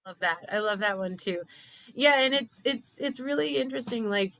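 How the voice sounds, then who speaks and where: A woman hosting a casual group discussion, enthusiastic and quick to laugh. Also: on the high side, dry recording. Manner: warm, enthusiastic, laughs often. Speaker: host.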